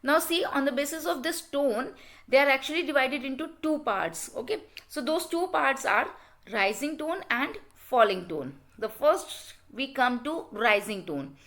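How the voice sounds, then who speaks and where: A woman's voice: high voice, animated, measured pace, fairly bright tone. A woman with an Indian English accent giving a classroom lecture. She mixes in Hindi explanations and keeps checking with "okay?".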